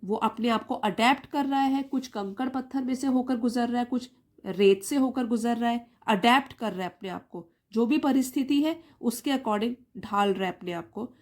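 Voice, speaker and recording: A woman's voice: a little high, a little mellow. A woman with an Indian accent reading an English story aloud and explaining it line by line as a teacher. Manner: reads English lines slowly, then explains them word by word.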